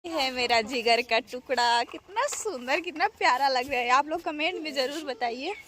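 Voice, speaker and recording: A high-pitched woman talks in a relaxed vlog manner, breaking into cooing, babbling baby talk. Her voice comes through a phone with clear background noise behind it. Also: moderate pace. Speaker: vlogger. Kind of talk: casual vlog chat.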